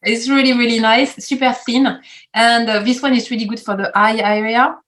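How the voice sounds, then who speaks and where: Woman, French accent, middle-aged, high-pitched, chatty guest, laughs easily. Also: fairly even intonation, normal speed, fairly bright tone. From France. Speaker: guest, facial cupping practitioner. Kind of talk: casual interview chat.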